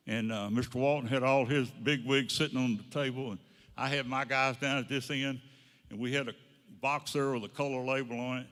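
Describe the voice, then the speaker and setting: A man's voice: medium pitch, a bit bright. A man telling a long folksy anecdote to an audience, linking his lines with "he goes" and "I said.". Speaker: guest speaker. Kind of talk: anecdotal storytelling talk. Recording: long hall reverb.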